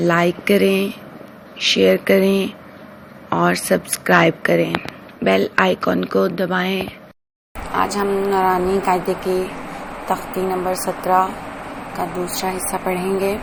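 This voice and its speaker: A woman teaching a Quran reading lesson, spelling out each syllable slowly and carefully. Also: fairly low pitch, gravelly, background noise.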